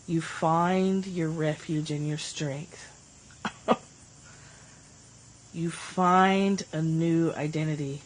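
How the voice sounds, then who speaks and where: A woman's voice: deep voice, slight background noise, rough recording. A woman hosting a live stream, giving a casual, rambling spiritual talk and replying to viewer comments. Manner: chatty, rambling, reads viewer comments aloud. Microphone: phone.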